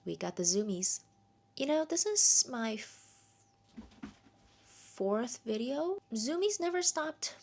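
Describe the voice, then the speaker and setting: A young woman chatting casually as she reviews a book for her vlog, with lively asides. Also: sits high, slow pace, gravelly, long pauses.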